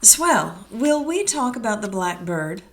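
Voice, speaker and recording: A woman's voice: medium pitch, very animated, unhurried, slight background noise. An actress playing a tough, sardonic female private eye who talks in clipped hardboiled lines in an audio play.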